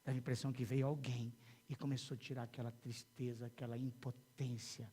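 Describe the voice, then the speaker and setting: A male pastor with a Brazilian accent preaching a sermon in a church, telling a story with many repeated words and swings from hushed to loud. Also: mid-range voice, husky. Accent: Brazilian Portuguese. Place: church sanctuary. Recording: long church hall reverb.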